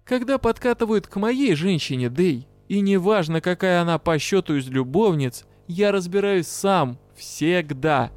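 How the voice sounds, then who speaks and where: A man voicing a brash male dark elf partner in an audiobook, gruff, teasing and bluntly scolding. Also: fairly high pitch, no room sound. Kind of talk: audiobook character voice.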